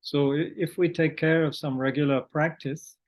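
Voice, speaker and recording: A man teaching Buddhist meditation online, speaking haltingly with many fillers, restarts and throat-clearing, and reading out questions from the chat. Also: a little high, fairly even intonation, darkish tone, poor audio.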